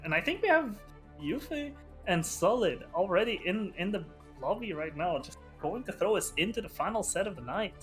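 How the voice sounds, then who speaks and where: Male esports co-commentator, analytical, slightly high voice, game music under him. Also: animated, moderate pace. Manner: analytical, talks through the players' options.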